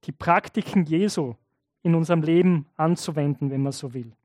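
A man's voice: a little high, normal speed, a little mellow, no room sound, clean studio sound. A man preaching a sermon, telling a story in a conversational way and addressing his listeners directly. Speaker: pastor.

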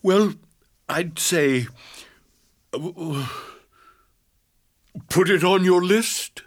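An actor playing a jolly, bumbling old Santa Claus in an audio drama, talking in a slow, chuckling, folksy way. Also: male voice, sits high, full character voice.

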